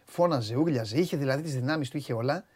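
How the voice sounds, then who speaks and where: A man's voice: medium pitch, over a noisy crowd. A man hosting a sports radio show, chatting casually and animatedly, often exclaiming and acting out quotes.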